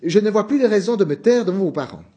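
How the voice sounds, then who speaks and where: Stern formal manager, raised and lively voice, a male reader putting him on for a storybook. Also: high-pitched, fast talker, voice pushed up. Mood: scolding. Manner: scolding, formal, indignant. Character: stern middle-aged male office manager.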